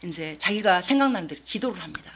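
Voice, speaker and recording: A woman pastor preaching a story-driven sermon, dropping to a hushed near-whisper and then rising to emphatic exhortation. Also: fairly low pitch, expressive, fast, slight background noise.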